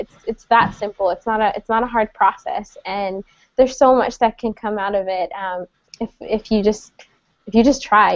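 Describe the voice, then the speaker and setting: Moderating an online panel, a thirty-something woman from El Salvador chats in a friendly way, often restarting and using fillers. Her tone is darkish and sits on the high side, with no echo. Sound quality: lo-fi, dull and dry.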